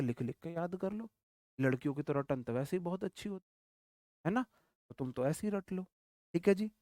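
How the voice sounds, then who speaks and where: A male English vocabulary teacher giving a classroom lecture in an animated way, repeating words, firing off quick questions and joking memory tricks, and calling his students brother. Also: sits high, no room sound, studio quality. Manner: jokey memory tricks, calls listeners brother.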